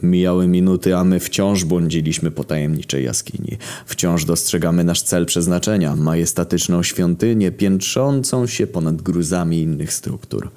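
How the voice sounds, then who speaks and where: Deep-voiced gravelly male narrator, deadpan comedic storytelling. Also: normal speed, hardly any pauses. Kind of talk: comedic parody story reading.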